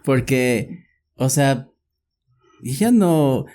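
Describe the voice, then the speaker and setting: A young man with a Mexican Spanish accent, co-hosting a casual podcast conversation, animated and slangy, laughing often. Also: medium pitch, very slow. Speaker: podcast host.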